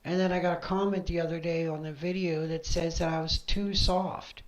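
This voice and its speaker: A woman's voice: fairly low pitch, level tone, normal speed. A woman chatting casually as a stream host on a headset mic, insistent and repeating her points. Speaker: video creator and streamer, host. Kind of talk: casual livestream chat.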